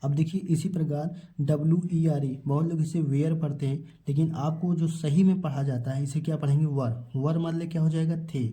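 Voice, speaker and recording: A man's voice: on the high side, steady tone, fairly quick, hardly any pauses, mellow. Man teaching, quizzing himself aloud. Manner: asks questions and answers them himself, repeating each word; addresses viewers as children. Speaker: English teacher. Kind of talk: spelling and pronunciation lesson.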